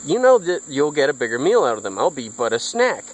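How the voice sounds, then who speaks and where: A man's voice: medium pitch, sing-song, brisk, lightly acted, rough recording. A man voicing a small, clever young billy goat that pleads and persuades. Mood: pleading.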